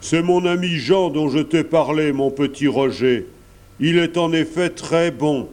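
A kindly, fatherly gentleman speaks gently and encouragingly in a mellow, warm tone, a touch high for a man, read by a man. It is a storybook reading. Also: measured pace, natural voice.

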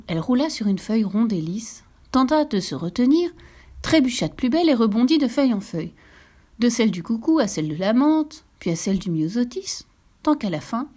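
A woman reading a children's story aloud in a gentle, expressive way, with soft whispered touches. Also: a little high.

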